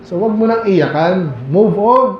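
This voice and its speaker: Filipino guy preaching, fairly high voice, chatty, lots of questions, muffled echoey church hall. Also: animated, measured pace, a little hiss or hum. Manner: conversational preaching with rhetorical questions, reads King James verses aloud. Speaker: pastor. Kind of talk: Baptist sermon, Bible study.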